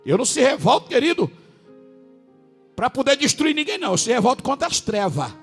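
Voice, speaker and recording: A male pastor preaching a sermon, with a northern Brazilian accent, a raspy voice, and sudden shouted peaks between drawn-out words. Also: extremely high pitch, big pitch swings, long reverb tail, soft background music. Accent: Brazilian Portuguese, northern.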